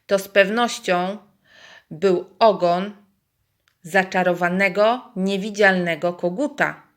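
A woman reading a picture book aloud to young children, pausing to explain things to them. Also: mid-range voice. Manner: lively, acts out animal voices, asides to kids. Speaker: children's storyteller.

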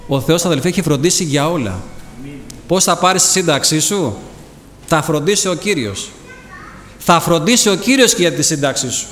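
A man's voice: on the high side, expressive, pauses often, a bit bright. A middle-aged man preaching a sermon with personal testimony, fervent and full of rhetorical questions. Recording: echoey hall, faint background noise.

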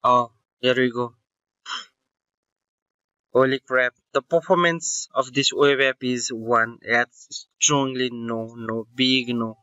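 A man's voice: mid-range voice, steady tone, slow, sharp tone, clean tone, no echo, highs cut off. A man narrating a screen-recording tech tutorial, explaining step by step with fillers and self-corrections.

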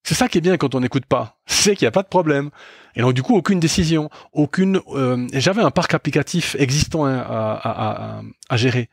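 A middle-aged man hosts a podcast and tells a reflective story about his own failings. His voice is gravelly, and he speaks in an even middle register. The sound is dry and close, and he often pauses to restart his sentences. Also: mid-range voice, no echo. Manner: candid and self-critical, with frequent hesitations and restarts. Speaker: podcast host.

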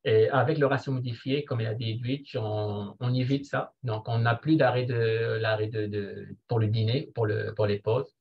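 Man working slowly through figures on a muffled line. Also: mid-range voice, steady tone. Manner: slow and deliberate, working through figures with hesitations. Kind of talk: seminar presentation.

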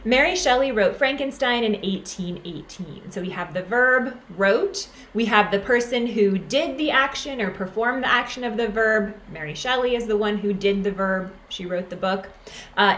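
A woman's voice: medium pitch, fairly bright tone, a little hiss or hum. Woman teaching grammar in a roomy echo. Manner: clear explanatory teaching, frequent "right?" checks. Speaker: writing instructor. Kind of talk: lecture over slides. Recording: roomy echo, faint background ambience.

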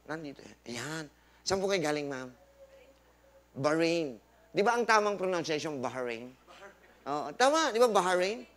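A man's voice: on the high side, lively intonation, moderate pace, pauses often, fairly bright tone. A man hosting a health forum as a doctor, lecturing a live audience with rhetorical questions, scripture quotes and jokey asides, mixing English into Tagalog.

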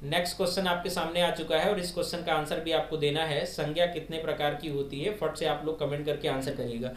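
A man teaching a live online grammar quiz, repeating each question and urging viewers to comment their answers fast. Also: on the high side, steady tone. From India. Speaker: online exam-prep teacher. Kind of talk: live-stream Hindi grammar quiz lesson.

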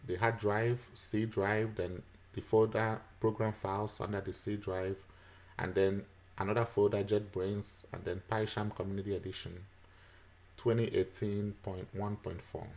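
A man's fairly low, level voice guides a screen-recorded software tutorial at an unhurried pace. He explains every step patiently, with lots of fillers and chuckles along the way.

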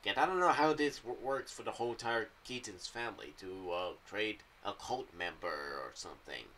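Here a young man who reviews an audio drama series on YouTube shares theories in a casual, rambling, loosely phrased way. His lowish voice is expressive, pushed and bright, at a moderate pace. A boom-arm condenser mic with a pop filter sits slightly to the side in his small home room, giving a somewhat distant sound with faint background noise.

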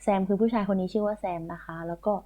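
A woman's voice: medium pitch, steady tone, fast. A woman teaching a primary school English lesson online, patiently repeating and spelling words letter by letter. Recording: tinny phone-like audio.

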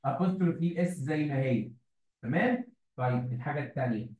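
A man's voice: on the high side, animated, moderate pace, darkish tone. Egyptian man teaching, echoey and distant. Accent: Egyptian Arabic. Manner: explains patiently, repeats questions to students. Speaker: English teacher. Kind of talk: online class lesson. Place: classroom at a whiteboard. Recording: echoey room, far from mic.

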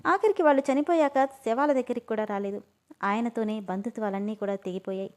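A woman's voice: on the high side, brisk, a little mellow, close to an everyday voice. A woman voicing a blunt older man from a village, who talks in a scolding, matter-of-fact way.

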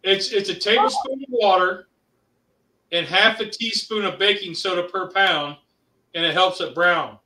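This man, from Ohio, USA, has a high voice with a sharp tone and speaks a little slowly. As co-host of a casual livestream, he chats and reads viewer comments, hesitating and using many fillers, with the mic placed at a distance in a roomy space.

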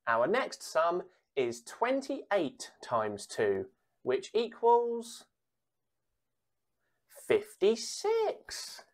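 For a kids' times tables bingo game, a female caller reads out each sum and its answer. The pace is very slow and measured, the pitch lively and varied, and she waits before every answer and repeats its digits.

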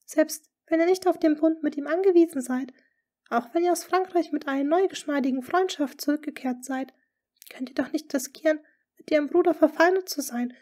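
A woman voicing an anxious lady-in-waiting in an audiobook, speaking high, tense and trembling. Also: brisk, a little mellow, lightly acted. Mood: alarmed. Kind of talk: audiobook character reading.

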